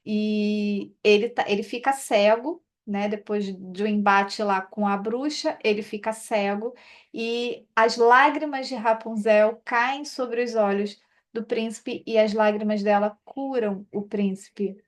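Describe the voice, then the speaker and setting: Uma mulher com sotaque brasileiro, terapeuta, comentando um livro num tom de conversa, com muitas hesitações e recomeços. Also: female voice, medium pitch, fairly even intonation, slow pace. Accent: Brazilian Portuguese. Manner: hesitant, many fillers and restarts. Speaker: therapist reading and commenting on a book. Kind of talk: informal spoken commentary on a book chapter.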